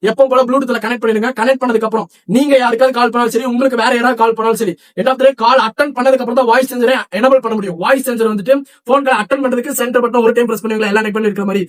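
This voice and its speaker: A man from Tamil Nadu who runs a shop, chatting rapidly through a product demo and sales pitch and often checking with viewers. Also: fairly even intonation. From Tamil Nadu, India. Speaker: shop seller presenting products.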